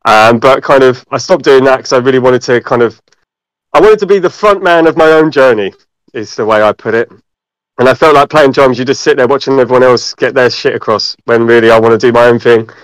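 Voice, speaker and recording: A man with an Essex accent chats casually as a guest, full of cheeky slang and jokes. His voice is of middling pitch and recorded very dry, with hardly any room around it. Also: fairly quick, dry recording, rough recording. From Southend-on-Sea, Essex, England. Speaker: interview guest, event compère. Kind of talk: casual banter.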